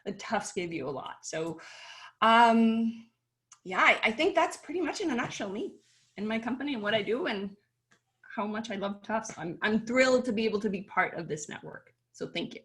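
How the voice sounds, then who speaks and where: A woman in her thirties from Chile, chatting upbeat and warmly on a video-call panel, laughing easily and slowing down to stress points. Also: on the high side, expressive. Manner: upbeat, chatty, laughs easily, some slow emphatic stretches. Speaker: panelist, company founder.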